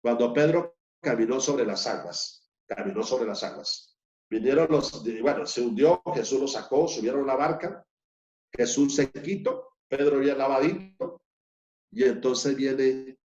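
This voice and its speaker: A man's voice: mid-range voice, darkish tone. A man preaching a sermon, reading verses aloud and putting questions to the congregation. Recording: echoey, dull lo-fi room sound.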